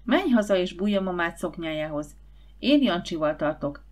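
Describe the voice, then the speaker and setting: A woman's voice: lowish voice, lively intonation, a little mellow, close to an everyday voice. A woman narrator voicing a bold, dismissive schoolboy in a storybook. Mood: cocky. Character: bold schoolboy who scorns traveling with adults.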